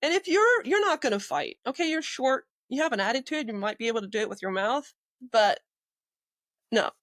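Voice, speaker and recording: A woman on a podcast tells work stories with a fairly high voice. She keeps things lively, acts out what people said and laughs often. Her voice sounds close and dry. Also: brisk, no echo. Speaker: EMT guest. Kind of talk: casual storytelling in a podcast interview.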